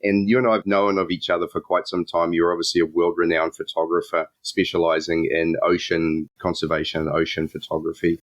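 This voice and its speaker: A man hosting a diving podcast, reading a measured intro and then chatting with his guest in a friendly way. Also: low-pitched, flat delivery, dry recording, lo-fi sound. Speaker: podcast host. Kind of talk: scripted intro then casual interview.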